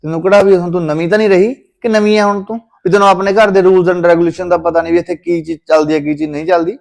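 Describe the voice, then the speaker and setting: A man's voice: high-pitched, fairly even intonation, racing, vocal fry, darkish tone. An actor playing a stubborn, strict young husband, scolding his wife with a Punjabi accent. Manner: scolding, keeps asking "right?". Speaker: husband in a domestic quarrel.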